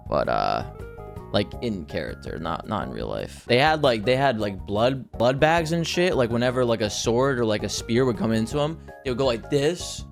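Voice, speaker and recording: A man's voice: medium pitch, big pitch swings, normal speed, gravelly, soft background music. A man in his twenties telling a story to a chat in a casual, slangy, conversational way. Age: 20s. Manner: conversational, slangy, acts out quoted dialogue.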